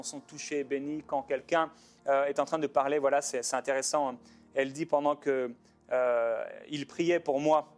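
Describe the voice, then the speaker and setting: Pastor guy talking to his viewers, fervent, lots of euh and restarts, faint music behind. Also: medium pitch. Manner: fervent, rambling, with many filler pauses and restarts. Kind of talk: informal ministry talk to viewers.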